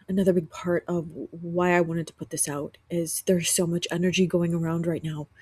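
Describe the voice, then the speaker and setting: A woman podcast host, sick and rough-voiced, talking earnestly from her couch at home in a reflective spiritual monologue with frequent restarts. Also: on the low side, warm tone, no echo.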